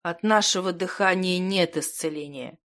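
A woman's voice: fairly low pitch, normal speed, fairly bright tone, close to an everyday voice. A woman reading an audiobook voices a male dragon lord who speaks sadly and in a subdued way. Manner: sad, subdued. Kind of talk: audiobook character voice.

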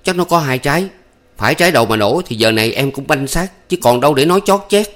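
A man's voice: fairly low pitch, brisk, lightly acted. A man reading a story, voicing a young village man who scolds and hurries his lover. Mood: scolding. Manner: urgent, scolding.

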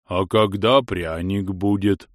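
A man's voice: low-pitched, steady tone, takes it slowly, no room sound, clean studio sound. A man voicing a simple-minded male house spirit servant who drawls and pleads. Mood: drawling.

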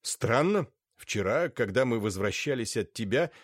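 A man's voice: mid-range voice, animated, a little slow, no room sound, studio quality. A man voicing a chatty young nobleman who talks earnestly and keeps going. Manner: talkative, earnest.

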